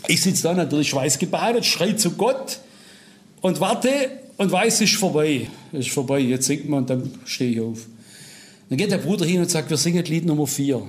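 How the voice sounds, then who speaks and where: A middle-aged male preacher with a notably high-pitched voice delivers a sermon in a storytelling way. He swings between loud, pleading cries and hushed, low asides to the congregation.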